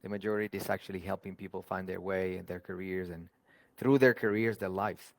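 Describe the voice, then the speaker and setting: Low-voiced man, reflective. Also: steady tone, fairly quick, creaky, no room sound. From Argentina. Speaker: podcast guest, HR professional. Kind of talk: conversational interview.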